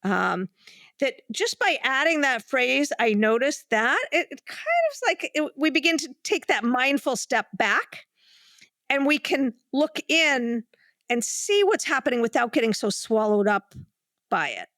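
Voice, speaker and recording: A woman psychologist calmly explaining self-calming techniques as a podcast guest, with many fillers and restarts, at times demonstrating breathing. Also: high-pitched, measured pace, no echo, clean studio sound. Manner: demonstrates breathing while talking. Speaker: clinical psychologist.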